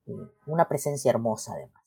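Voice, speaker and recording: Low-voiced Salvadoran woman, thoughtful. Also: big pitch swings, fast, dark tone, husky, no room sound. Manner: thoughtful, with frequent restarts and "¿no?" tags. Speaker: poet and interview guest. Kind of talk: casual interview conversation.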